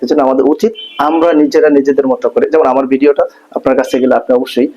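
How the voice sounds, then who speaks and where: A man teaches letter sounds in a spoken phonics lesson. His voice is mellow and warm at a middle pitch. He hesitates often with filler sounds and stretches each sound out slowly to demonstrate it. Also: little pitch movement, lo-fi sound. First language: Bengali. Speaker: English teacher.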